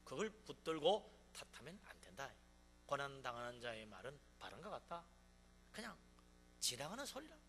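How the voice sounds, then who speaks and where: A man's voice: medium pitch, very animated, normal speed, a bit bright, slight background noise. A male pastor preaching a sermon, emphatic, asking rhetorical questions and acting out quoted laments.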